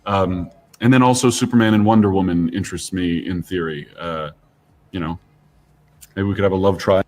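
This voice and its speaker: A man answering interview questions thoughtfully, pausing with fillers. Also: deep voice, slight background noise.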